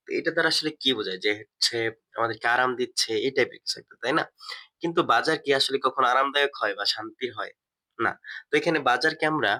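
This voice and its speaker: A man with a bright, forward voice, teaching a step-by-step lesson. He sits at a middle pitch, asks himself questions and answers them, and repeats the key words as he goes. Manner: explanatory, asks and answers his own questions; many fillers and restarts, repeats key words. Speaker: English teacher.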